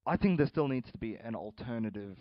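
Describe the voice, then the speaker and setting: A man's voice: medium pitch, expressive, a little fast, no room sound, lo-fi sound. A young man co-hosting a casual podcast, laughing and teasing his friends, often stumbling into stammered restarts. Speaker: podcast co-host. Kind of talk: casual chat.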